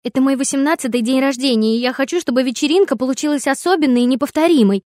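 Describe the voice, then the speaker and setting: A woman voicing a spoiled, furious eighteen-year-old girl, shrill and whiny as she shouts. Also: expressive, normal speed, dry recording, clean studio sound.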